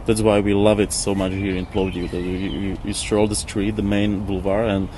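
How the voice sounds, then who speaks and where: A former architect, interviewed outdoors, reflects casually in English, which isn't his first language, groping for words and repeating himself. His voice is deep, mellow and flat, with birds and traffic clearly audible around him.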